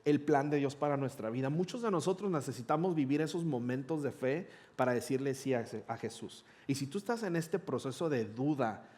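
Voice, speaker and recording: A man's voice: mid-range voice, brisk, hardly any pauses. A middle-aged man, a pastor telling a personal story in a conversational sermon and acting out the dialogue. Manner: conversational, animated retelling with quoted dialogue.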